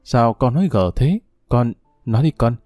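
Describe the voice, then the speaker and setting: An anxious, loving father in an audiobook drama, as a male narrator puts him on. He coaxes gently, with a mellow, lively voice. The recording is dry, with faint music. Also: medium pitch, normal speed, no room sound, natural voice. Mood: coaxing, worried. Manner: gentle, coaxing. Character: worried poor father, tender and anxious.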